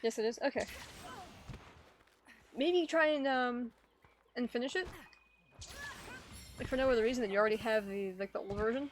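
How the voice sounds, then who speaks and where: A woman's voice: a little high, moderate pace, pauses often, a little hiss or hum. A woman hosting a gaming stream, chatting casually, laughing often and reading out chat. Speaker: streamer and host. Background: faint game music.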